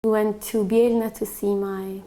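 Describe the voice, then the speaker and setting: A young woman from Bosnia giving a reflective personal testimony, soft-spoken and full of small fillers. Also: medium pitch, little pitch movement, fairly quick. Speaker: interviewee.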